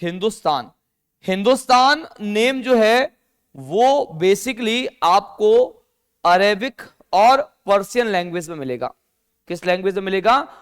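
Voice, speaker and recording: High-voiced man teaching a class. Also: expressive, takes it slowly, clear, resonant tone. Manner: asks the class questions and answers them himself; mixes English words into Hindi. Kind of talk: classroom lecture.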